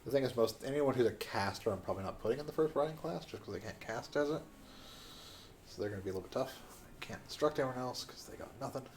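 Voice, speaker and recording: Man, gaming host, playful, strategy talk, animated pitch. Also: quick pace, slight background noise. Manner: playful, thinks aloud about strategy. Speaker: let's play host. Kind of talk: casual gaming banter.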